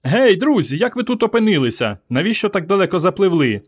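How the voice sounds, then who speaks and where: A man voicing a calm, earnest young woman from the future in a storybook reading, bewildered by old words. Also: medium pitch, brisk. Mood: earnest, puzzled.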